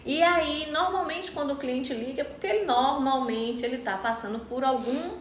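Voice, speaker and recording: A woman with a high voice hosts a podcast, speaking hesitantly with many fillers. The room gives her voice a noticeable echo. A faint ambience sits behind her. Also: moderate pace, a little hiss or hum. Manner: hesitant, with frequent fillers and restarts. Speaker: podcast host. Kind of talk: interview questions and conversational chat.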